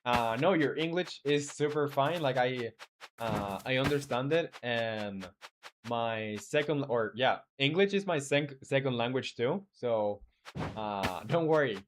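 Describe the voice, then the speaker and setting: A Chilean game developer codes on a live stream, thinking aloud and chatting with viewers in a casual way. He hesitates a lot, with many fillers and restarts, and replies to viewers in a friendly manner. His mid-range voice is animated and a little slow, with background noise.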